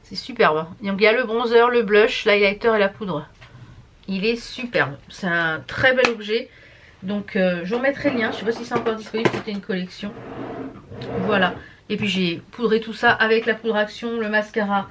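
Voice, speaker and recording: A woman's voice: medium pitch, moderate pace, background noise. A tired woman chatting casually to camera as a vlogger, rambling and stumbling over her words. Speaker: beauty and embroidery vlogger.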